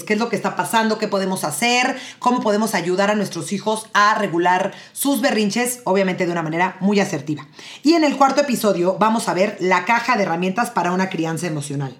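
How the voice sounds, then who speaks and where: A woman hosting an episode on emotional parenting, speaking straight to the listeners and often checking in with them. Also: mid-range voice. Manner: addresses listeners directly, often ends with tag questions. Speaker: host and parenting educator. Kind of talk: educational talk to parents.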